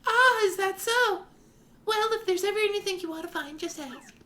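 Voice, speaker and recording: A man's voice: very high voice, moderate pace, bright, forceful tone, pitched above the performer's own voice. A man voicing a lovely female fortune teller with mystical, theatrical patter, reading game dialogue. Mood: mystical, inviting.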